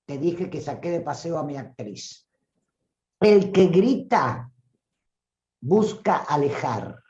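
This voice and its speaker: A woman with a Rioplatense Spanish accent, a voice coach giving an animated live-streamed talk who acts out voices and calls listeners "tribu". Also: sits low, slow pace, reverberant, highs cut off.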